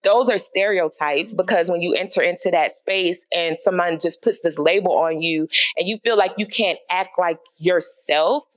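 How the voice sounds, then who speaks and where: A woman hosting a podcast interview in casual chat, lively, encouraging and quick to laugh. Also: fairly low pitch, highs cut off. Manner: lively, laughs often, prays and cheers on guest. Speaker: podcast host.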